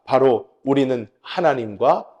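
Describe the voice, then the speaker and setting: A male pastor preaching a sermon, emphatic, swinging between loud and soft delivery. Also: mid-range voice, expressive, measured pace, muffled recording.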